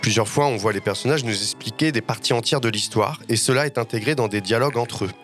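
A man's voice: mid-range voice, fast, a bit bright, soft background music. A man reading his ironic, opinionated critique column on a podcast, mocking himself along the way.

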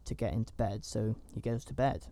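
A man's voice: fairly low pitch, a little fast, warm tone. A man giving a casual, rambling recap of a horror movie, with chatty asides and fillers. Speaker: film reviewer.

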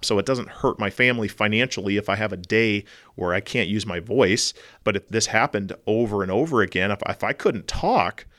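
Guy with a sick scratchy voice, low pitched, chatting loosely on his podcast. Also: brisk, fairly bright tone. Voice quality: low husky baritone. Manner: rambling, self-joking. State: hoarse from a cold. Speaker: podcast host. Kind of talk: casual podcast monologue.

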